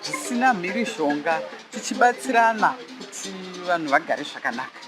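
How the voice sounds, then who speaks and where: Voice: mid-range voice, expressive, fairly quick, music in the background. A support group volunteer speaking earnestly and steadily about visiting patients. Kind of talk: interview answer in Shona.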